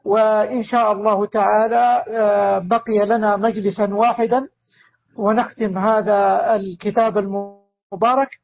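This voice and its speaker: A man teaching a book in an online religious lesson, speaking slowly with frequent pauses. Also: high-pitched, little pitch movement, gravelly, muffled recording. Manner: slow, measured, with frequent pauses.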